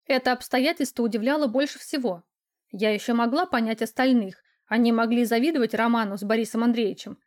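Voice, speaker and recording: A woman narrates a first-person novel as an audiobook. Her storytelling is lively and ironic. Her voice sits a little higher than most women's.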